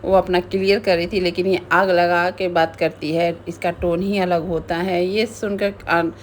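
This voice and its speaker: A woman's voice: on the low side, little pitch movement, moderate pace, slight background noise. A woman casually recapping a reality show, retelling events in a chatty way with frequent restarts.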